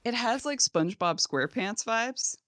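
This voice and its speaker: A woman's voice: a little high, animated, normal speed, a bit bright, no echo. A woman co-hosting a casual podcast, recapping a TV episode in an easy conversational way. She laughs often and slips into the characters' lines as she retells scenes. Her voice sits dry and close to the mic. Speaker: podcast co-host.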